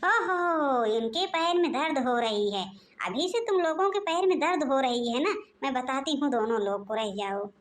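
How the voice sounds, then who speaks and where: A domineering old mother-in-law, voiced by a woman, who shouts and taunts in a high, piercing voice. She scolds everyone around her with scornful, bossy sarcasm. It is a cartoon family comedy performance. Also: lively intonation, normal speed. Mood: taunting. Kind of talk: cartoon voice acting.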